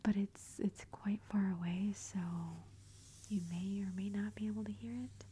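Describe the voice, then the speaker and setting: A woman speaking softly in a hushed, breathy near-whisper, gently and unhurriedly giving an ASMR book review. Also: mid-range voice, fairly even intonation, moderate pace, a little hiss or hum.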